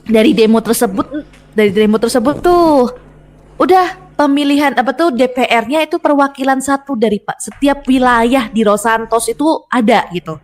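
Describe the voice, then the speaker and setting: A woman's voice: on the high side, moderate pace. A woman in a roleplay voice chat, talking her ideas through with hesitant restarts. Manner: thinking aloud, hesitant. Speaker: roleplay player.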